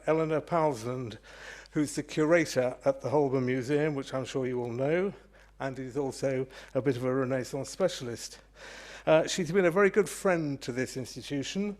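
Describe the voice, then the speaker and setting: A man hosting a lecture evening, introducing the speaker in a measured way with a few fillers. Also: on the high side, darkish tone. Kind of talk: event introduction.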